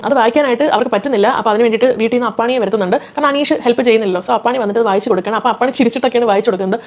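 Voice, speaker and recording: A young woman talks at a breakneck clip in a casual commentary vlog, retelling reality show drama with animated, opinionated energy. Her voice sits a little high.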